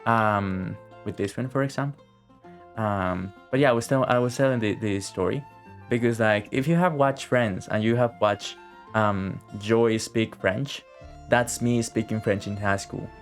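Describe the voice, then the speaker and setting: A man's voice: on the low side, a little slow, soft background music. A young man, a native Spanish speaker, chatting casually as a streamer while gaming, telling a rambling story with lots of fillers.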